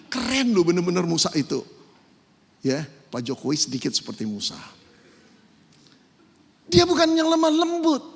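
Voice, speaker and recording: A man preaches with a high, lively voice that jumps from loud emphasis to quiet asides. His tone is husky. The sound rings out in a hall with a long reverb. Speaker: pastor. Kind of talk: sermon.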